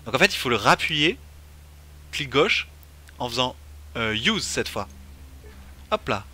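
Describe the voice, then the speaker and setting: A man's voice: mid-range voice, sing-song, measured pace, bright, forceful tone. A man streaming a game, commenting casually and thinking aloud with many fillers. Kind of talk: casual let's-play commentary.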